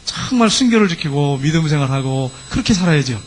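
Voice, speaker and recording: A middle-aged man preaching in a fairly high voice, pitched well above most men. He retells a scripture story with lively drama and acts out the characters' lines himself. He speaks from the pulpit of a church. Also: quick pace. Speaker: pastor. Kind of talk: sermon. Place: church sanctuary.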